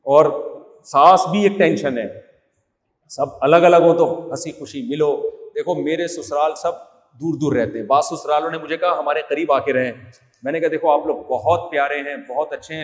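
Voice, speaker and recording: A man giving a Friday sermon in a humorous, scolding way, acting out bits of dialogue. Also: on the high side. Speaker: preacher. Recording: echoey hall.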